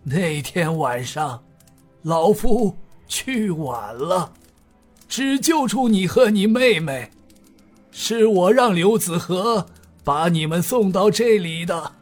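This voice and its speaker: A frail, kind-hearted old man talks in a slow, drawn-out way, his voice lifted high and thin with age, as a male narrator puts him on. Each phrase is soft and unhurried. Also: lively intonation, faint music behind, heavily acted. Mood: grave. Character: weak, kindly old man, gentle elder. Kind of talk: audiobook character voice.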